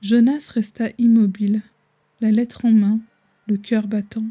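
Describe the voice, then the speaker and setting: A woman narrating a bedtime story slowly and soothingly, soft and breathy, in a hushed voice close to the listener's ear. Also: on the high side, little pitch movement.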